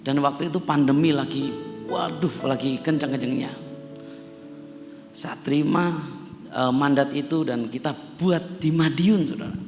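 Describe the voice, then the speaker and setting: A man's voice: on the high side, a little slow, pauses often, a little mellow, soft background music. A middle-aged man from Java, preaching a sermon to a congregation, addressing them again and again and building to emphatic peaks. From Java, Indonesia. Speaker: pastor. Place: church hall. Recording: long church reverb, faint instrument behind.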